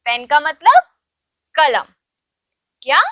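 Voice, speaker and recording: A woman teaching English words to children, patiently repeating and spelling each word slowly. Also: high-pitched, very animated, dry recording, highs cut off.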